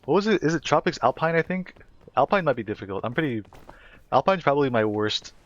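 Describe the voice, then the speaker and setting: A man's voice: mid-range voice, lively intonation, fast, muffled recording. A man casually commentating a video game live as a streamer, chatty and playful with his chat.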